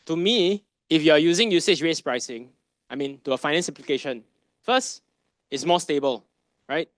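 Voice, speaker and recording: A finance advisor gives a conference masterclass in a fairly high voice at a moderate pace, with no room sound. His style is conversational, full of rhetorical questions and frequent tags of "right?"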